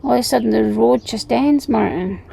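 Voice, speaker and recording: A woman from the UK hosting a travel vlog, talking in a chatty, wry and animated way. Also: a little high, normal speed, creaky, heavy background noise. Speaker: travel vlogger. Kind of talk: casual travel vlog chat.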